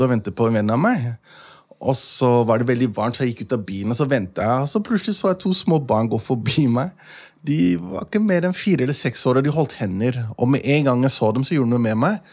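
Earnest male guest telling a personal story. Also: medium pitch. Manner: earnest, acts out quoted voices. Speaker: guest, founder. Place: studio in a city.

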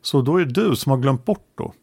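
A man narrating a true-crime podcast, reading an interrogation transcript aloud in a measured, matter-of-fact way and naming each speaker before their lines. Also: medium pitch, animated, darkish tone, husky, dry recording, studio quality.

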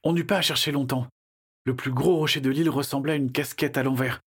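A man narrating a children's adventure audiobook in a lively storytelling manner. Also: medium pitch, fast talker, breathy edge. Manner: lively storytelling, shifting into character voices.

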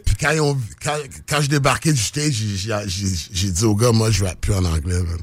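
A man's voice: fairly low pitch, fairly quick. A man with a Québécois French accent, telling stories casually and mixing in English slang, with frequent restarts. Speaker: rapper and podcast guest. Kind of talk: casual chat.

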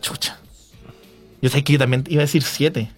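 A man's voice: medium pitch, fairly even intonation, moderate pace, soft background music. A man with a Chilean Spanish accent co-hosting a radio call-in show, teasing a caller with crude jokes. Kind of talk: casual joking chat with callers.

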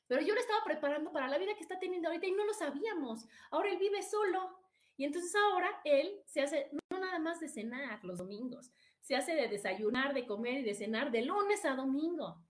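A woman's voice: high-pitched, animated, brisk. A middle-aged woman with a Mexican accent, hosting a casual motivational live stream, chatting directly with her viewers and reading out their comments.

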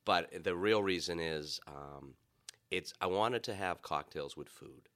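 Mężczyzna z bostońskim akcentem, bardzo niski głos. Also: male voice, low voice, a little slow. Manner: relaxed, explains with many fillers. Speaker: vodka maker guest. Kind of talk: casual chat.

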